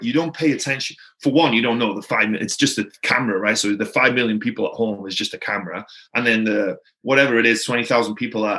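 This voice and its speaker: On a podcast, a man from Wales who speaks Welsh natively recounts his story with a Welsh accent. He meanders casually and leans heavily on "like" and "right?". His voice sits in the mid range with a bit of brightness.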